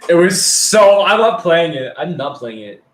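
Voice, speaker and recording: A man's voice: a little high, sing-song, measured pace, roomy sound, poor audio. A teenage male telling crude, rambling stories about school, heavy on swearing and filler words. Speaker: storyteller. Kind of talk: casual storytelling.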